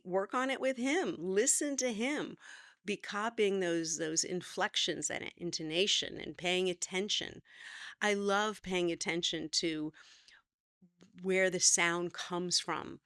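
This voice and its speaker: A woman's voice: on the low side, a bit bright, no room sound, clean studio sound. A middle-aged woman teaching acting, chatty and encouraging as she talks to the camera. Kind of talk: talking-to-camera acting lesson.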